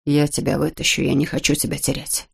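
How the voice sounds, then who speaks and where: A woman voicing a devoted, strong-willed middle-aged husband who speaks softly and insistently to his ailing wife. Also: sits low, monotone, a little fast, gravelly, husky, pitched below the performer's own voice, exaggerated voice. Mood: tender, insistent. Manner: hushed, soft-spoken.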